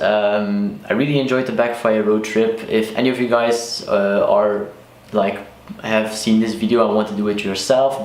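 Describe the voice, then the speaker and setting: A man's voice: lowish voice, darkish tone. A man in his twenties from Flanders with a Flemish accent, Dutch as his first language, chatting casually to camera as a car vlogger with lots of likes and restarts. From Belgium, Flanders. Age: 20s. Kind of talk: casual vlog talk to camera. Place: sparsely furnished room in a new house. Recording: echoey bare room.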